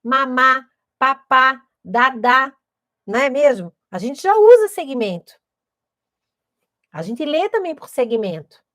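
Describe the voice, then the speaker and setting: A woman's voice: sits high, big pitch swings, unhurried, pauses often, mellow, no room sound, clean studio sound. A woman explains teaching steps in a didactic manner, often checking in with her listeners. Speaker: literacy educator.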